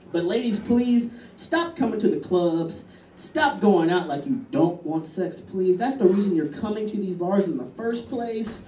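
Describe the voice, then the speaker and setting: A young man doing a crude stand-up set, swinging from loud outbursts to muttered asides, with a Louisiana accent. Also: high-pitched, slight background noise. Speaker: stand-up comedian. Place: comedy club stage. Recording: echoey club, mic from a distance.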